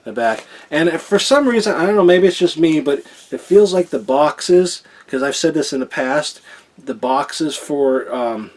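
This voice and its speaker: A man's voice: on the high side, lively intonation, a little slow, darkish tone. A man giving a casual, enthusiastic video review, rambling with many restarts and repeated phrases. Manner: rambling, full of fillers and restarts; enthusiastic, keeps repeating himself. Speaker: horror movie reviewer.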